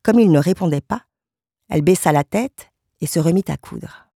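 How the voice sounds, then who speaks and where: A woman narrating a literary short story in a calm, measured way. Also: sits low, breathy edge, dry recording, studio quality. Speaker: audiobook narrator.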